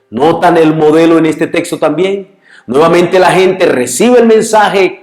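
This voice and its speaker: Slow, deliberate man teaching Bible class. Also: a little high, a little mellow. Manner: reads Scripture aloud and asks the listeners questions. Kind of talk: church Bible study lesson. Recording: echoey room.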